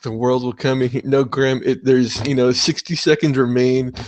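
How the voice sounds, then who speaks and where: A young man hosting a casual podcast, chatting excitedly and swearing often. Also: mid-range voice, normal speed. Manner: excitable, swears a lot, animated. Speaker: podcast host.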